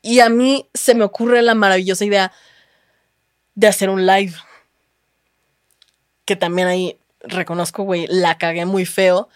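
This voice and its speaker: A woman's voice: medium pitch, steady tone, a little slow, pauses often, clean tone, dry recording, clean studio sound. A young woman with a Mexican accent, a guest telling her story in casual chat, candid and full of slang and swearing.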